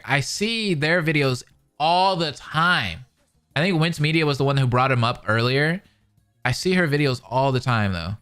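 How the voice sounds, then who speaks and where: His voice on the high side and sharp, this American reaction streamer reads viewer comments aloud and chats with them in a relaxed, slangy, conversational manner.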